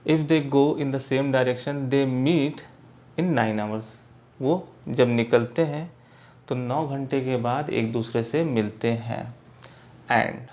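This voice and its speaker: A man teaching math at a board, speaking slowly and often checking that his students follow. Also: mid-range voice, darkish tone. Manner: slow, repeats "clear?" checks to students. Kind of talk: board lesson in Hindi mixed with English.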